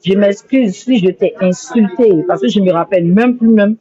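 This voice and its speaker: This social media livestreamer has a dark tone, medium pitch and moderate pace. Apologizing with emotion on her live stream, she rambles and says the same things more than once, all captured as dull lo-fi phone audio.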